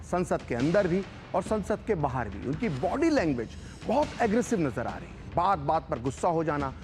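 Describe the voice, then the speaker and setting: Emphatic high-voiced male news anchor. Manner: rhetorical questions, emphatic delivery. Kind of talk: scripted news narration.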